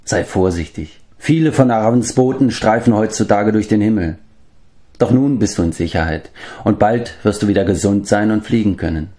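A man's voice: lowish voice, mellow, lightly acted. A man doing Medwin, a stately old keeper of beasts. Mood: kindly. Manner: measured, stately storybook speech. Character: wise old man, keeper of animals, grave.

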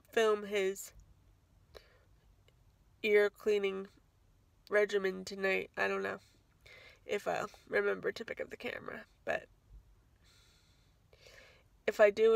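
Woman, 30s, casual vlogger, rambling and self-correcting, slight fry, dry close phone sound. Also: mid-range voice, no room sound. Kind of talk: casual vlog update. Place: home kitchen, then parked car. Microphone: phone at arm's length.

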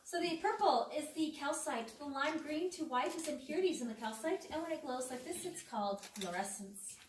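A tour guide talks playfully and chattily to a group in an underground cave room, her high voice animated and brisk. A visitor's phone caught it from a distance, so there's cave echo and faint noise.

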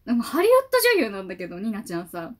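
A woman YouTuber giving casual fan reaction commentary on a music video, gushing and excitable, talking half to herself. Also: medium pitch, racing.

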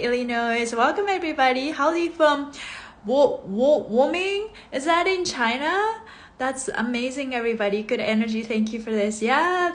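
A woman's voice: sits high, fairly bright tone. A woman in her thirties, originally from Japan and a native Japanese speaker, leading a live-streamed movement class with bubbly, sing-song greetings and frequent laughs, filmed on a phone in her living room. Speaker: movement coach. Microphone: phone camera, close then from across the room. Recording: echoey room with faint noise.

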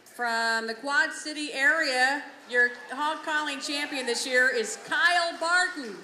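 A woman's voice: high-pitched, measured pace, bright, forceful tone. A woman with an American accent announcing a public contest from the stage. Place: covered outdoor fair stage. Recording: echoey PA with noisy crowd.

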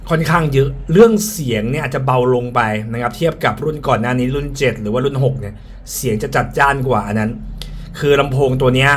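A man speaking through a face mask, slightly muffled, giving a frank, casual product review and often repeating his points. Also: medium pitch. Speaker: tech reviewer. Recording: clear background ambient noise.

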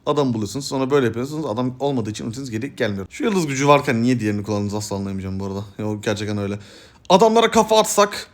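A young man commenting excitedly on his gameplay, hoarse from shouting, jumping between loud high yelps and low mumbled asides. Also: very fast. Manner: bursts into loud high yelps and laughter, then drops to mumbling. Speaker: gaming streamer.

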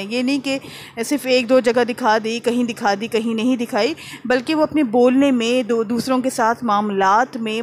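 Cooking at home while she vlogs, a Pakistani woman with an Urdu-speaking accent chats warmly to her viewers from her kitchen and living room, leaning heavily on the filler "jī." Her pitch is fairly high, and there's a little hiss or hum in the audio.

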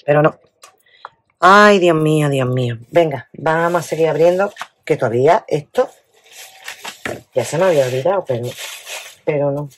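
A woman with a Spain Spanish accent chatting casually as she unboxes a craft parcel, exclaiming and often dropping to a hushed murmur. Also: sits low, normal speed, pauses often, a little hiss or hum. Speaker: craft vlogger.

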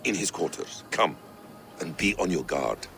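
An actor playing a cautious, solemn warrior mentor in a video game, measured and grave, with formal phrasing. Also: male voice, sits low, expressive, creaky, noisy background, heavily acted. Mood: grave, guarded. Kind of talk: video game dramatic acting.

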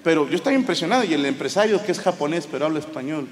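A man's voice: a little high, rapid-fire, slight background noise. A Mexican man with a Mexican Spanish accent telling crude, swear-filled stand-up stories on stage before a laughing audience. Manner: crude, swearing, animated storytelling. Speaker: stand-up comedian. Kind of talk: stand-up comedy set. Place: large theater stage. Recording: live show in a big reverberant hall.

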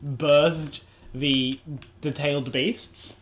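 A man's voice: on the high side, little pitch movement, very slow, roomy sound. A man bantering and arguing with friends during a video game session. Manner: argumentative, joking. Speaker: co-commentator on a let's play. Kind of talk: casual banter.

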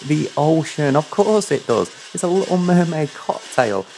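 A man's voice: on the high side, very animated, a little slow, gravelly, darkish tone, slight background noise. A man hosting a cocktail recipe video, talking viewers through each step in a chatty, playful way with apologetic asides. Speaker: cocktail show host. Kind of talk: recipe tutorial voice-over.

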